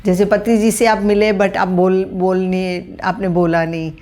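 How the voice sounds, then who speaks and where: Female interviewer, slow and deliberate, hesitant questioning style. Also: mid-range voice, level tone, a little mellow.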